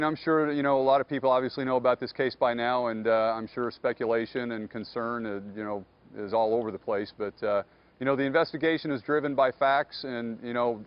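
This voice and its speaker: A man speaking as a police captain in a live TV news interview, measured and guarded, often filling pauses with "uh" and "you know". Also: medium pitch, fairly even intonation, clear, resonant tone, lo-fi sound. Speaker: police captain, investigation spokesman.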